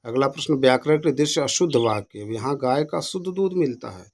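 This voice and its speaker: A man's voice: medium pitch, animated, brisk, darkish tone, rough recording. A man teaching exam questions in Hindi, reading each option aloud and repeating the answer, with coaxing asides.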